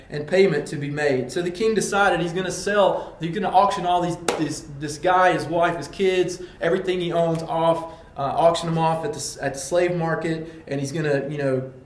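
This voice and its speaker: Earnest preacher man in an echoey room. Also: a little high. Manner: earnest, acts out quoted pleas. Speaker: pastor. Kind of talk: sermon.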